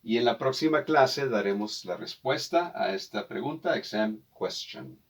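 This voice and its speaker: A man teaching a beginner English lesson in Spanish, repeating English phrases slowly and addressing the viewer politely with frequent hesitations. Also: lowish voice, lively intonation, distant mic.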